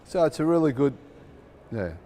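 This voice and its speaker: A man's voice: a little high, expressive, moderate pace, warm tone, a little hiss or hum. A man giving an informal, conversational explanation as a club representative.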